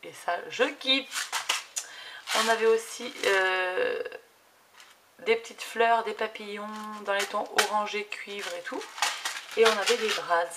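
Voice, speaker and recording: A woman in her thirties talks through a craft unboxing at her desk, chatty and enthusiastic, stumbling over fillers. Her voice sits at an ordinary middle pitch. A steady background noise runs under the camera recording. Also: slow pace, long pauses. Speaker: craft YouTuber. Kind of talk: casual unboxing chat. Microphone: camera set low on desk.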